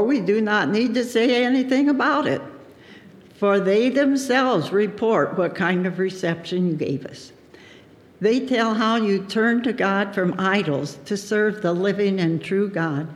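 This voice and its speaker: High-voiced man reading scripture slowly. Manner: slow, deliberate reading. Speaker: scripture reader. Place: church sanctuary. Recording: long church reverb.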